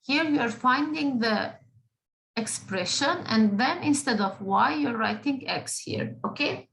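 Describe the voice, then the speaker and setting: A woman's voice: fairly high pitch, animated, a little slow, creaky, fairly bright tone, rough recording. A woman teaching a math class, patient, often checking in with the students. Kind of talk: classroom lesson.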